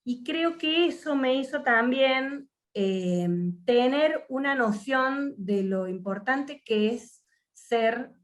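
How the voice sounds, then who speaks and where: A woman's voice: high-pitched, expressive, slow. An Argentine woman from Mendoza leading an online workshop over a video call, speaking reflectively with frequent fillers and restarts. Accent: Argentine Spanish. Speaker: workshop facilitator.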